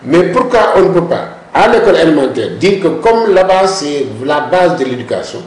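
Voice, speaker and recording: His voice sits on the high side with a sing-song lilt, a darkish tone and a moderate pace. The man, a language policy expert guest in a discussion interview, explains at length, insists on his points and cuts in with repeated words, all in a roomy, echoing space.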